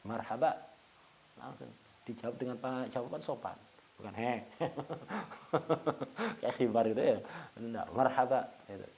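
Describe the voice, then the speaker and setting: A man's voice: mid-range voice, lively intonation, unhurried, gravelly, pauses often. Guy giving a religious lesson, storytelling, acts out the lines, chuckles now and then. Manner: storytelling, acting out dialogue with sudden loud and soft turns; jokes and chuckles with listeners. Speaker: religious teacher. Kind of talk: Islamic study lecture.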